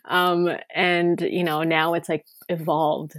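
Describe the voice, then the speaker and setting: A woman's voice: fairly low pitch, flat delivery, takes it slowly, dry recording, studio quality. A woman, a podcast guest chatting casually, with many fillers and restarts. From Canada. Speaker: guest, K-drama writer.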